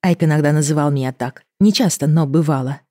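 A woman reading a first-person novel in a measured voice that drops to a hush in tense parts. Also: sits low, dry recording, clean studio sound. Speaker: audiobook reader.

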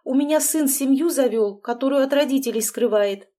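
A fussy middle-aged mother who keeps pressing with reproachful questions, as a woman reads her in an audiobook. The voice sits raised and bright, with lively rises. It comes across as a storybook parent who will not let a matter drop. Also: sits high, a little fast, pitched above the performer's own voice, close to an everyday voice. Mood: insistent. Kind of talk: audiobook dialogue.

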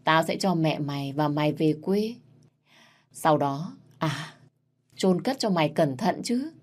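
Woman reading a scheming crown prince, taunting, menacing, low. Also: expressive, measured pace, a little mellow.

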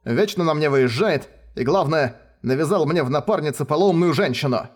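A man doing a loud, whiny young mage. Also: fairly high pitch, lively intonation, normal speed. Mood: complaining. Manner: shouting, exasperated outbursts.

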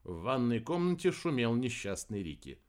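A man reading an audiobook in a wry, even narrating voice. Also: mid-range voice, moderate pace. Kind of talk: scripted narration.

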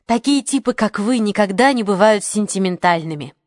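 Woman voicing a determined young journalist, urgent, forceful, dry close audiobook sound. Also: mid-range voice, expressive, moderate pace, no room sound, lightly acted. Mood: firm.

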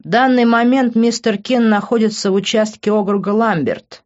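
A woman reading an audiobook, voicing a gruff, matter-of-fact male police officer on the phone. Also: a little high, steady tone, moderate pace, a little mellow, pitched above the performer's own voice, close to an everyday voice. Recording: dull lo-fi recording.

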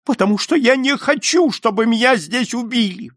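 A man voicing a terrified foreign traveller in a spoken story, pleading and crying out in a high, cracking voice. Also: wildly swooping pitch, normal speed, creaky, breathy edge, no room sound, clean studio sound, full character voice. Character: frightened foreign man, panicky and shrill.

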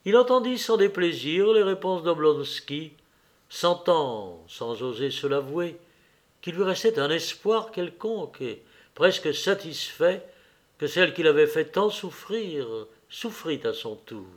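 A man reading a classic novel aloud in a measured, literary narration. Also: on the high side, animated. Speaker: audiobook reader.

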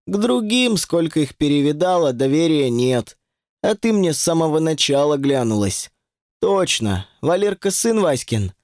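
A man doing a chattering old village woman, high and lively. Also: moderate pace, dry recording, clean studio sound. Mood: confiding. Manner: folksy, chattering grievances. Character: elderly village woman, blunt and grudging.

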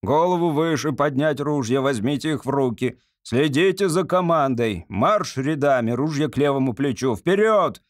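An ill-tempered drill corporal, as a man voices him, barking commands and insults at raw recruits. His shouts jump up and down sharply. It is recorded close and dry. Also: mid-range voice, animated, moderate pace, hardly any pauses, no room sound, close to an everyday voice.

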